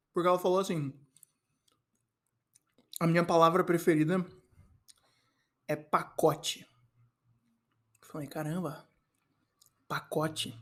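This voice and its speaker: A young Brazilian man with a Brazilian Portuguese accent, hosting a solo podcast and rambling in a playful, mock-solemn way while eating fruit. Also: sits high. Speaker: podcast host.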